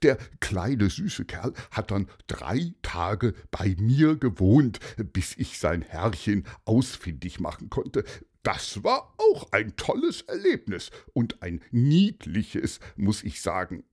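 A friendly grown man from a children's audio story, chatting warmly about a small adventure, as the narrator puts him on. The voice is husky, slow and lively in pitch. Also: exaggerated voice. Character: friendly adult man who loves walking. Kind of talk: storybook character voice.

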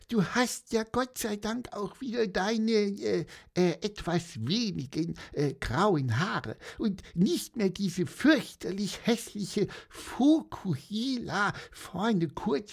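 A man piping as a squeaky excitable little bird. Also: slow pace, gravelly, few pauses, exaggerated voice. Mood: sleepy, confused. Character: excitable small male bird, chatty and quick-tempered.

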